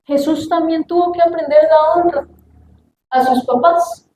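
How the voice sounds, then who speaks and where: A young woman with a high voice delivers a sermon, acting out family voices as she tells lively stories. Her voice rings in an echoey room. A faint ambient hum sits behind her. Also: unhurried. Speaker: youth preacher.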